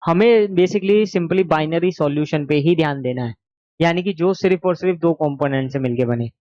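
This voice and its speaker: A man with a sore throat teaches an exam revision lesson in a fairly high voice. He explains patiently, often posing a question and answering it himself. The recording is dry and a little dull. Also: a little mellow, no room sound.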